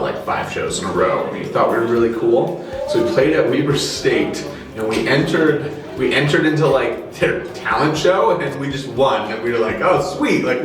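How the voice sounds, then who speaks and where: A 23-year-old man, a band's singer, talking hesitantly with many fillers in a casual documentary interview. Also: medium pitch. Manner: hesitant, filler-heavy chat. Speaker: singer in a band. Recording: echoey room, distant mic, music underneath.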